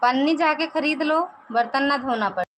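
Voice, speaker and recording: Brief: woman, Awadhi accent, fairly high voice, chatty live-stream host who teases her viewers. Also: normal speed, a bit bright, slight background noise, low-quality recording. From Pratapgarh, Uttar Pradesh, India. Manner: chatty, reads viewer comments aloud, teasing. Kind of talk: casual live-stream chat.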